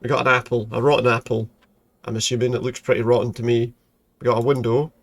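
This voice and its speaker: A man's voice: mid-range voice, flat delivery, quick pace. A man giving casual, joking commentary as he plays a video game, dryly repeating lines back. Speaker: gamer commentator. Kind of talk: casual let's play commentary.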